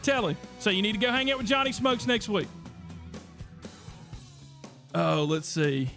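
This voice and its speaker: Upbeat male podcast host, high bright voice. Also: unhurried, creaky, faint music behind. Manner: energetic, reads chat aloud. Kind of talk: casual livestream chat.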